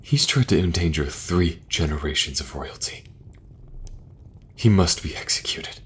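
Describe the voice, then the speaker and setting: Young king, kind and burdened; soft-spoken, halting, very low voice; male actor. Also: lively intonation, slight background noise. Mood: troubled. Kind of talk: fantasy audio roleplay.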